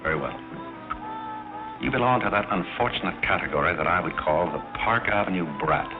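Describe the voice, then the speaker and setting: An actor playing a dry, dignified gentleman butler in 1930s screwball film style, speaking in a measured, wry, formal way. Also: low-pitched, expressive. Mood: cool, polite. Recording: muffled 1930s film soundtrack with music.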